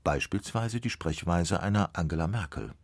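A man's voice: sits low, normal speed, dry recording, studio quality. A man narrating a radio or TV feature in a scripted voice-over. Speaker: documentary narrator.

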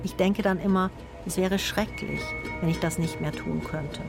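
A woman's voice: fairly low pitch, fairly even intonation, normal speed, gravelly. A woman narrating her own reflective feature in a thoughtful, introspective way. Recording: narration with music underneath.

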